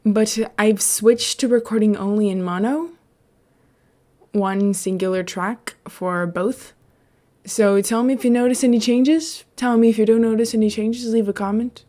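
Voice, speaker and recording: A podfic narrator with a warm, mid-range voice reads a story and chats casually about it, keeping the storytelling informal.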